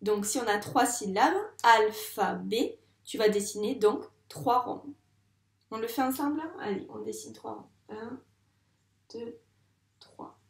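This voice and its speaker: A woman's voice: a little high, normal speed, roomy sound. A woman teacher giving a patient video lesson to a young child, stretching out words syllable by syllable. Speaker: primary school teacher.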